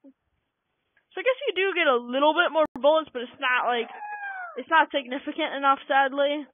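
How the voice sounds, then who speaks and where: A young-sounding gaming channel host giving casual, rambling let's-play commentary with many fillers, recorded on a cheap low-quality microphone. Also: normal speed, no echo. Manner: rambling, self-conscious, lots of fillers. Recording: tinny lo-fi cheap mic.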